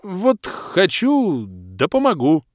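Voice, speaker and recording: A cheerful old creature voiced by a man speaks in a raised, lively, folksy voice, full of sayings and omens. His lines swing up and down in a dry, close recording for an audiobook. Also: sits high, takes it slowly, no room sound, pitched above the performer's own voice, full character voice. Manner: folksy, rhyming, superstitious. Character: old male lokhr creature, cheerful, cryptic.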